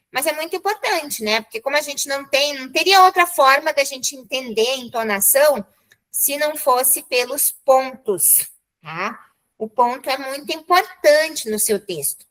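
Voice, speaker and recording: Bright, high-voiced Brazilian teacher. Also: female voice, low-quality recording. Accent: Brazilian Portuguese. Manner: chatty, encouraging, with frequent "né?" and "tá?" checks. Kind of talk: live online class.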